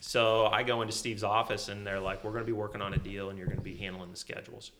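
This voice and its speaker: A man's voice: lowish voice, little pitch movement, fast, background noise. A middle-aged man from Kansas, a guest chatting casually and telling self-deprecating stories about his early career. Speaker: guest, chief legal officer. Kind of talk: casual conversational storytelling.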